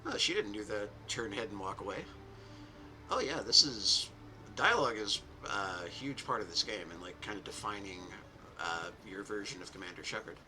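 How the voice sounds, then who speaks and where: A man's voice: lowish voice, lively intonation, moderate pace, pushed and bright, faint music behind, rough recording. A young man streaming a game, commenting in a rambling, self-mocking, casual way. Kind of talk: gameplay commentary.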